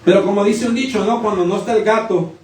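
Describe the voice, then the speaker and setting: A man's voice: high voice, steady tone, fast talker, darkish tone, a little hiss or hum. A man preaching a sermon, telling a personal story and building to emphatic declarations. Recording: echoey room from a distant mic.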